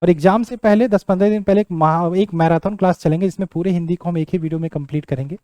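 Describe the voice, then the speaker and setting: High-voiced man teaching spelling drills. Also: quick pace, dark tone, no room sound. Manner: repeats words while writing them out, checks in with "ठीक". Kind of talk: online exam-prep lesson.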